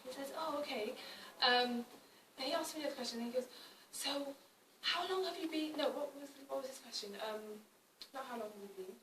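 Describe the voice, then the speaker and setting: A woman's voice: high-pitched, brisk, a bit bright, a little hiss or hum. A young British woman from Wales giving a public talk, conversational and wry, with frequent restarts. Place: arts centre hall. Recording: echoey hall from far off.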